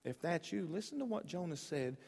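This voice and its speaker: A young male preacher delivering a sermon in church, his voice a touch higher than most men's. He tells stories with real swings, booming one moment and dropping low the next. A long reverb trails behind him. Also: very animated, fairly quick, gravelly, breathy edge. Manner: storytelling, swings from loud to quiet. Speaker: pastor.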